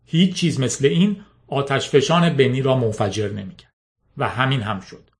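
A man narrating a story aloud in a steady, measured reading. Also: medium pitch. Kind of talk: scripted audiobook narration.

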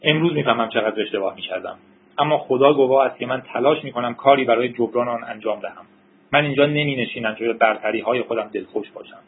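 Brief: man reading a frantic young hacker, husky pitch pushed up, tinny lo-fi audio. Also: close to an everyday voice. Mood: pleading. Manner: urgent, rising to shouts. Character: young male hacker, desperate and pleading. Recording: tinny narrow-band recording.

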